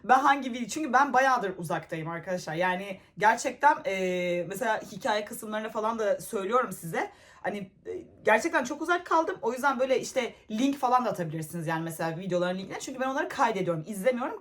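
A woman's voice: mid-range voice, lively intonation, quick pace. A young woman chatting casually into her phone camera in a giggly, scattered way. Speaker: reaction vlogger. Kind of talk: casual reaction chat.

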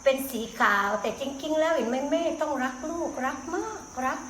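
A woman teacher explaining things to young children in a motherly way, with simple questions and gentle instructions. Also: sits high, fairly quick. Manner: motherly, addresses listeners as her children. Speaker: preschool teacher. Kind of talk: children's lesson to camera. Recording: echoey room, faint background noise.

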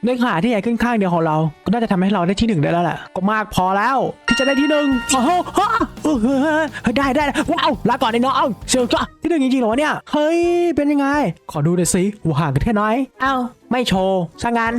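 A young man giving casual, excitable commentary as he plays a video game, exclaiming and joking as he goes. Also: very high-pitched, quick pace, hardly any pauses, faint music behind. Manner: excitable, exclaims and jokes while playing. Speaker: gaming video creator.

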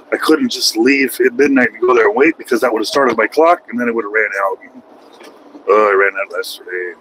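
An American man in his forties talks his way through a night drive in his truck cab, rambling and poking fun at himself. His voice sits at an ordinary middle pitch, and a faint hum of road and engine noise runs underneath. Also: fairly bright tone, low-quality recording. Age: 40s. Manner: rambling, self-mocking, joking. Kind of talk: casual vlog monologue while driving.

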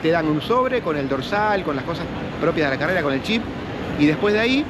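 A man's voice: a little high, animated, fairly quick. Chatty man in a noisy hall. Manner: chatty, friendly, switches to broken English. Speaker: running vlogger. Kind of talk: live walkaround vlog. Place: large indoor expo hall. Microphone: handheld action camera. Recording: loud crowd hall noise.

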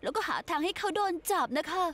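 Protective young friend, anxious, urgent, insistent, high voice. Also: female voice, lively intonation, fast, a bit bright. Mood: alarmed. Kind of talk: Thai TV drama dubbing.

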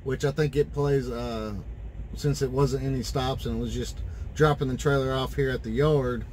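A man in his thirties vents to a phone camera from his parked truck cab, rambling and frustrated, with plenty of fillers. His voice sits at an ordinary middle pitch. A faint hum of vehicle ambience stays in the background. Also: fairly even intonation, normal speed, darkish tone. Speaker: owner-operator truck driver. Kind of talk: casual vlog rant. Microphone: phone camera at arm's length.

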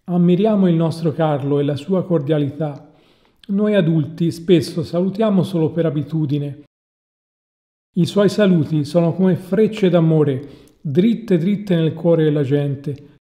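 Man playing a caring father, mellow voice. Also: fairly high pitch, a little slow, close to an everyday voice. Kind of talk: Italian film dubbing.

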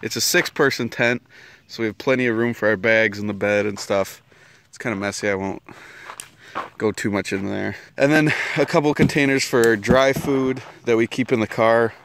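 Young man, casual camping vlog, handheld camera outdoors, relaxed chatty delivery, average pitch. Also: normal speed, slight background noise. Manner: relaxed, chatty, listing things with fillers. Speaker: vlogger. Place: wooded campsite outdoors. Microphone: handheld camera at arm's length.

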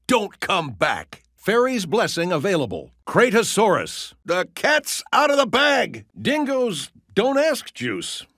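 An excitable arena announcer for a cartoon game, high-voiced and bombastic. The delivery is slow and drawn out, with huge swings in pitch on every punchy, theatrical call. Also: male voice, no room sound, clean studio sound, heavily acted. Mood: showy announcing. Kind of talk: arena announcer calls in short punchy lines.

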